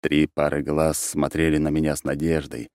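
A man narrating an audiobook in first person with an expressive, animated reading. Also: a bass voice, normal speed, clear, resonant tone, no echo, clean studio sound.

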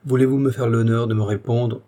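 A man's voice: mid-range voice, steady tone, brisk, warm tone, close to an everyday voice. A man voicing a stubborn male town prosecutor, polite but insistent, in a historical story.

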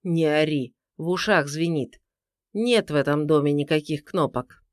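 A narrator playing a calm, confident man who talks down to his captive in an even, mocking tone. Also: on the high side, measured pace, no echo, studio quality. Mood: cold.

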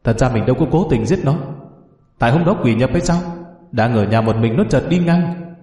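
A man's voice: expressive, brisk, warm tone, roomy sound, long reverb tail, close to an everyday voice. A man voicing a defensive, sly village man hiding a crime. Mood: brooding. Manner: defensive, evasive, higher-pitched when protesting.

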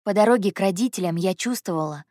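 A woman's voice: mid-range voice, fast, warm tone, no room sound, clean studio sound. Young woman narrating an audiobook. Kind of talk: first-person audiobook narration.

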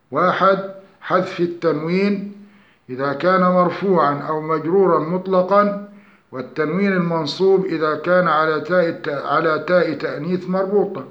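A male teacher with a slightly high voice explains recitation rules point by point, calm and methodical, slowing down to recite examples. The room rings with echo, and the lo-fi recording sounds dull. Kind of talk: structured lesson on recitation rules.

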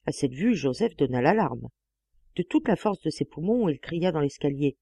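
A woman narrating a classic novel as an audiobook, with a measured, expressive reading on a close mic. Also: sits low, vocal fry, husky, no echo. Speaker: audiobook reader.

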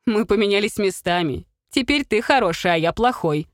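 A woman's voice: medium pitch, animated, normal speed, dry recording, studio quality, natural voice. A woman reading a blustering middle-aged father, a former soldier, who blurts and pleads with his wife. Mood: exasperated.

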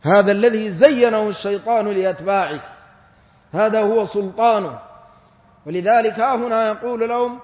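A man's voice: high voice, moderate pace. A man giving a Quran exegesis lecture with chanted recitation, explaining earnestly and repeating key words. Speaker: Quran commentator. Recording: echoey hall, dull lo-fi recording.

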